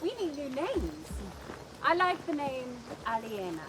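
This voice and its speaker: A cheerful, spirited young noblewoman chatters in a playful, eager way. Her voice is high and animated. Clear outdoor noise runs underneath, with horses in the background. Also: unhurried. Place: outdoors on a farm. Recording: noisy outdoor stage recording.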